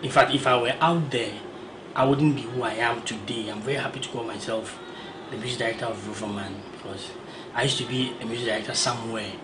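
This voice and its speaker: A man's voice: medium pitch, fairly even intonation, fast talker. A man, a music director, giving an earnest, grateful birthday message. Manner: earnest, grateful, with small hesitations. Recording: echoey room with background noise.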